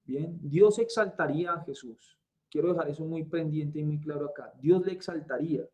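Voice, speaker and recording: A man tutoring a Bible class, teaching slowly and deliberately, repeating key points and checking in with his students. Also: fairly high pitch, a little mellow. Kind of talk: online Bible lesson.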